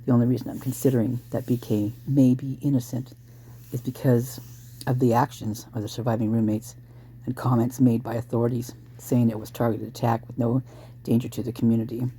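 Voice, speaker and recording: A hoarse true crime commentator speculating casually and thinking aloud, breaking into exclamations at sudden ideas. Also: mid-range voice, mellow, slight background noise.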